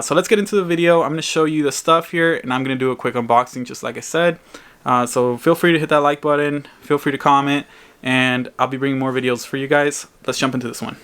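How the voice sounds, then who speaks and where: Speaking at medium pitch with a fairly bright tone, a vlogger unboxes something and walks his viewers through it casually and plainly. You can hear packaging crinkle and some background noise in an otherwise clear recording.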